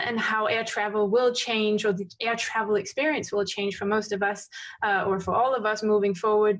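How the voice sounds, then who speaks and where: A woman giving a conference talk, walking listeners through her slides at a brisk pace. Her delivery is full of ums and restarts, and her pitch sits in an ordinary middle range. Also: a bit bright. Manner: fast-paced with frequent fillers and restarts. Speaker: conference speaker. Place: conference stream.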